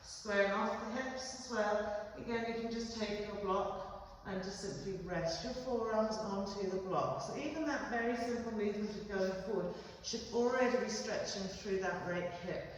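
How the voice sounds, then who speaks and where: Female yoga teacher, gentle instructive delivery with frequent "okay?" check-ins, heard from a distance in a very echoey room. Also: mid-range voice, moderate pace. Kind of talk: guided yoga class instruction. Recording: very echoey room, voice far from mic, faint background noise.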